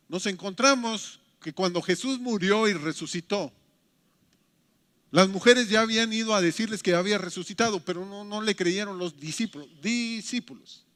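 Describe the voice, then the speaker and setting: A Mexican pastor delivering an emphatic, animated sermon in a fairly high voice. His words carry with a long reverberant tail through a church hall.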